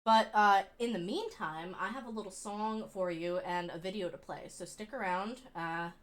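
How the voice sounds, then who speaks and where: A woman's voice: mid-range voice, normal speed. A woman hosting a livestream, chatting casually to viewers in a bubbly, chirpy way. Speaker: livestream host. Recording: music playing behind the voice. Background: background music.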